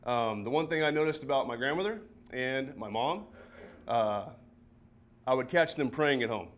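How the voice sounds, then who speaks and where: A man's voice: mid-range voice, lively intonation, moderate pace. Man speaking with fillers and "right?". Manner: conversational, warm, many fillers and tag questions. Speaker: high school football coach giving a talk. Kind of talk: personal talk at a seminar. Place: church meeting room.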